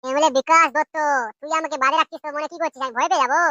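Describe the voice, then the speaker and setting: A man's voice: very high-pitched, steady tone, very fast, sharp tone, no echo, muffled recording, voice pushed up. A man voicing a cocky young male rogue in a comic cartoon, taunting his captor with rhyming threats. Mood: defiant taunting.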